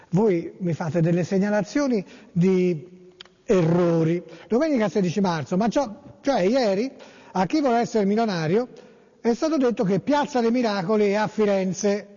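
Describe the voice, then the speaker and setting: A man's voice: high voice, dark tone. A man from Tuscany, hosting a casual monologue and reading listener messages in a playful, rambling way that repeats words. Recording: lo-fi with long reverb.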